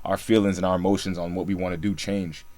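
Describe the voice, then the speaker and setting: In a dry recording, a young man from Singapore shares his story on a podcast he co-hosts, speaking fast with a low, flat, darkish voice. His manner is easygoing and heavy on fillers.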